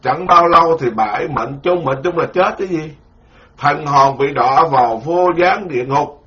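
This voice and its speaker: Monk lecturer, male, slightly high voice, dull lo-fi recording, rambling and self-mocking. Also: normal speed. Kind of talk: informal dharma talk.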